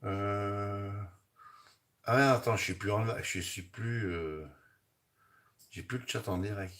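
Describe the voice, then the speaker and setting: A man's voice: lowish voice, slow pace, fairly bright tone. A man hosting a casual home cooking live stream from his kitchen, rambling and chatting with his viewers and his pets. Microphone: camera on a hanging mount.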